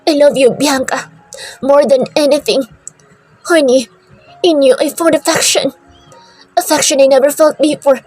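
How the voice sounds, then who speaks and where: A woman voicing a devoted young man who soothes his lover in soft, murmured pleas. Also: high voice, fairly even intonation, measured pace, pauses often, soft background music, pitched above the performer's own voice. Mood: tender pleading.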